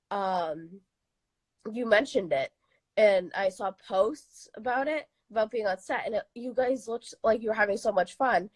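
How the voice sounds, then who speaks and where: A woman's voice: mid-range voice, dry recording. A young woman calling into a livestream on a video call, sick and losing her voice, nervous and gushing with giggles. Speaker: caller. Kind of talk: casual livestream chat.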